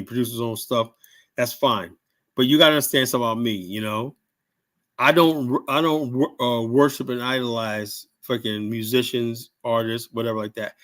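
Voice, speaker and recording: A man's voice: mid-range voice, fairly bright tone. A man in his seventies talking casually on a livestream, rambling and blunt, swearing freely and tagging lines with "you know?". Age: 70s. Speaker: livestream host. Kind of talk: casual live-stream monologue.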